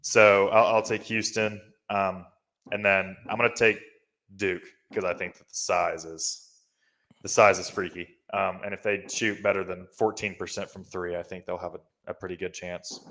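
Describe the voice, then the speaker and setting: A man's voice: low voice, little pitch movement, normal speed, bright, forceful tone. Chatty man breaking down basketball. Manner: chatty, thinks aloud with fillers and restarts. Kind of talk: casual sports analysis.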